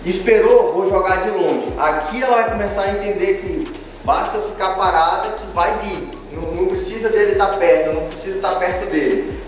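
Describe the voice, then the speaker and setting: A man's voice: high voice, fairly quick. A Brazilian man in his thirties giving an informal dog-training demonstration, explaining and repeating key phrases for emphasis. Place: large bare tiled room indoors. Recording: very echoey room, distant mic, background music.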